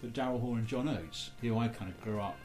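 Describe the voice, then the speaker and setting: A man's voice: mid-range voice, fast, darkish tone, soft background music. Man musing on a podcast. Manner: discursive, musing. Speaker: podcast host. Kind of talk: casual cultural commentary.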